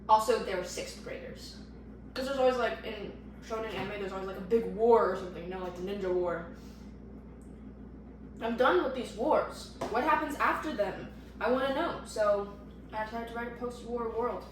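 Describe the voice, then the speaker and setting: A woman's voice: mid-range voice, recorded from a distance. Teen girl vlogger, sick, chatty and rambling, heard from off mic in a very echoey room with faint noise. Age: teens. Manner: chatty, rambling, self-deprecating. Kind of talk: casual vlog talk to camera. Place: at home.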